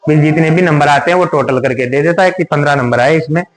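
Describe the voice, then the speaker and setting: Man, teacher, high voice, rhetorical questions, repetitive, roomy echo. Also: fast. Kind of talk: exam tips lesson. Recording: echoey room.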